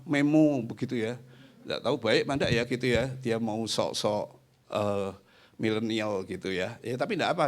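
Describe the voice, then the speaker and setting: A middle-aged man preaching a sermon as pastor, animated and often addressing his listeners directly. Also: lowish voice. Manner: acts out quoted voices in the talk.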